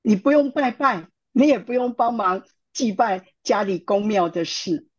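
A woman's voice: medium pitch, unhurried, voice pushed up, close to an everyday voice. A woman voicing an older mother-in-law who apologizes and pleads with tearful remorse, on a dull lo-fi recording. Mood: remorseful pleading.

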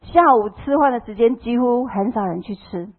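Husky middle-aged woman with a Taiwanese accent. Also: on the high side, moderate pace. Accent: Taiwanese Mandarin. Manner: emotional storytelling, acting out quoted dialogue. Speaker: church member giving testimony. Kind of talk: personal testimony to a congregation. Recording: tinny phone-like sound.

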